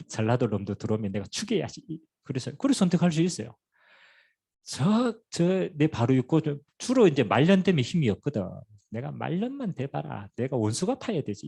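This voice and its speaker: A middle-aged pastor with a Gyeongsang accent preaches in a husky, slightly breathy voice. His pitch swings widely as he tells stories, and he fires rhetorical questions and light humor at his congregation. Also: a little mellow. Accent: Gyeongsang Korean. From Pohang, South Korea. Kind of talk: sermon.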